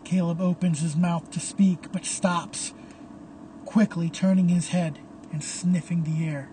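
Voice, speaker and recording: A storyteller narrating a violent horror scene in a slow, deliberate, hushed reading. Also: mid-range voice, fairly even intonation, slight background noise.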